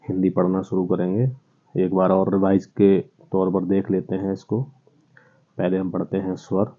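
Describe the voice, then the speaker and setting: Slow, low-voiced man teaching on a tinny line. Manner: slow, patient, spells out sounds one by one. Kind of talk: online lesson for children. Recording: tinny phone-like sound.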